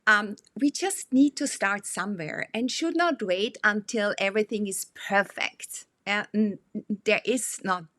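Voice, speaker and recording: A woman speaking English with a non-native accent, hosting a conversational interview and haltingly searching for her words. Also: medium pitch, a bit bright, no room sound, studio quality. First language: not English.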